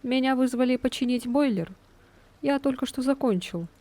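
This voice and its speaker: A woman's voice: high-pitched, normal speed, mellow, dry recording, voice pushed up. A woman reading game dialogue aloud as an uneasy, reluctant boiler repairer, curt and complaining. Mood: agitated, curt.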